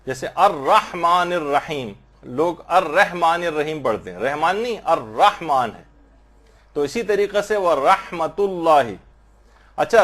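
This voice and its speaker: Man slowly teaching prayer pronunciation. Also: fairly high pitch, fairly bright tone. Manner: patient, explanatory, slowly demonstrates Arabic pronunciation. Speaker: religious teacher. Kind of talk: religious instruction on prayer recitation.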